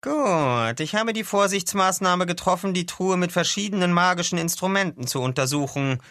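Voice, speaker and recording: A man reading aloud and voicing a calm, precise male ship's doctor who explains things carefully. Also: high-pitched, moderate pace, dry recording, clean studio sound, voice pushed up.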